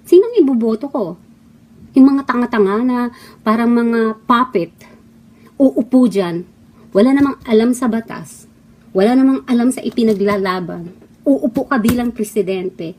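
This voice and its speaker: Her fairly high voice is warm yet husky as this middle-aged former actress from the Philippines, speaking from outside the country, scolds her listeners in an impassioned monologue. She peppers her opinions with mocking rhetorical questions.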